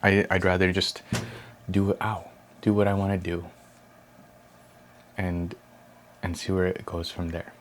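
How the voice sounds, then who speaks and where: A young man chatting softly and casually for an ASMR video at home, rambling and thinking aloud. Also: sits low, level tone, measured pace, long pauses, a little hiss or hum. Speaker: ASMR creator. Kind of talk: soft casual ASMR chat. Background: construction and room ambience.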